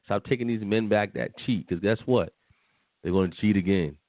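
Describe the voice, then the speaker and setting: Male podcast co-host, blunt, repetitive, lowish voice, dry tinny phone line. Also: normal speed, no echo. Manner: blunt, dismissive, repeats himself. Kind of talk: casual opinion chat.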